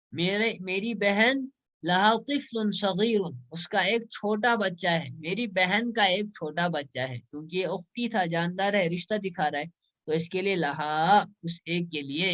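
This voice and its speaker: A man teaching Arabic grammar in an online class. He explains step by step, says example words slowly, and often checks with "right?". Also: high-pitched, fairly bright tone.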